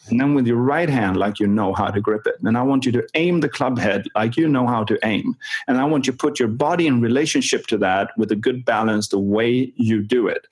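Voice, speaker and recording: A man with a husky, breathy edge to his voice tells a coaching anecdote in a conversational interview. He pitches his voice in a middling register and animatedly plays out both sides of a phone conversation, chuckling often between lines. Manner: animated storyteller acting out quoted dialogue, chuckling often. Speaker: performance coach.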